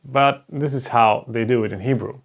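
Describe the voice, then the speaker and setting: A gravelly, mid-range male voice at normal speed belongs to a Hebrew teacher whose native language is German, and he has a German accent. At a board he gives a slow explanatory lesson, patiently going step by step and checking with "right?"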